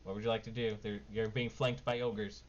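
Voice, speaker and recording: A man's voice: fairly low pitch, level tone, fairly quick. A man narrating as game master of a tabletop game, in a casual, informal way. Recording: dull lo-fi mic, background noise.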